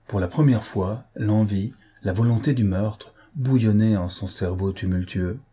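A man narrates a novel as an audiobook, pacing each sentence with measured drama. His voice is low and mellow with a husky grain.

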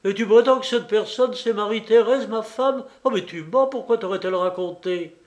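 A man's voice: high-pitched, a little slow, voice pushed up. A man voicing a panicky older banker who whines, protests and splutters in agitated outbursts. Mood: protesting. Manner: agitated, pleading, stammering outbursts.

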